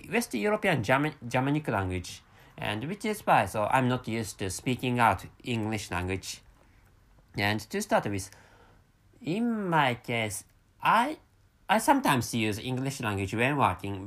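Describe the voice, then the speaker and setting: This podcast host, a man from Japan in his thirties, rambles on his own in English, a second language he speaks with a Japanese accent. His mid-range voice is a bit bright, and his speech halts often, full of restarts and repeated words.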